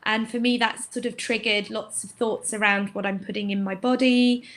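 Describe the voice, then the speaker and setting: A woman raised abroad, now a shop owner, talking casually in a webinar interview with many pauses and fillers. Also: medium pitch, fairly even intonation, a bit bright. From England, raised in Greece. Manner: hesitant, many fillers, laughs easily.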